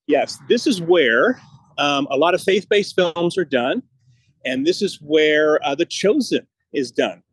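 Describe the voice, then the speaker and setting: Talking into a phone at arm's length on a video call, this fiftysomething podcast host keeps up a loose, talkative chat while heading from outdoors into a studio building. He sounds a little high and animated, unhurried, with a breathy edge.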